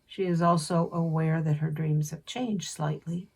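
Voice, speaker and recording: A woman channeling a spirit in slow, measured speech, with a husky voice. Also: low voice, steady tone, a little mellow, far from the mic. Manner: slow, measured, unhurried delivery.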